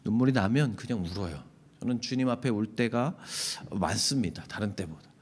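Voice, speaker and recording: A man's voice: fairly low pitch, expressive, normal speed, breathy edge. A middle-aged man preaching a Sunday sermon as a pastor. He talks directly and conversationally to the congregation, dropping to near-whispers and then rising to emphatic peaks. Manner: swings between hushed, near-whispered asides and raised, emphatic peaks.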